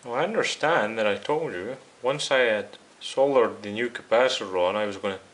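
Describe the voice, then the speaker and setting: Explaining every step of a hands-on repair directly to his audience, the radio restoration host talks casually at a moderate pace. His pitch is fairly low with a bit of brightness, and the recording is poor.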